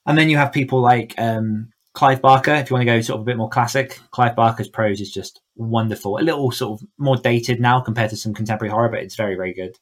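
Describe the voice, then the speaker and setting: A horror author and coach appears as a podcast guest, chatting casually with enthusiasm and effusiveness. His mid-range voice holds a steady tone, and he talks quickly with hardly any pauses.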